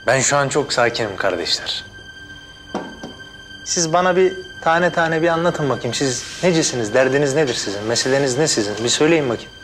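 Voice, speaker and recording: An actor playing a hot-tempered young man who insists he is calm while he threatens people, in a TV drama. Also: medium pitch, brisk, natural voice. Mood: blustering. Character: short-fused young man, blustering tough. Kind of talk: TV drama acting. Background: background music.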